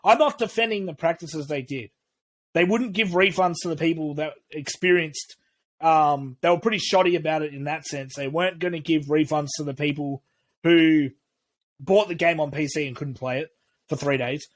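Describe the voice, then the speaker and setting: Here a man with a somewhat high voice talks at a moderate pace while co-hosting a laid-back podcast. He wanders through his views with plenty of restarts and good-natured cursing.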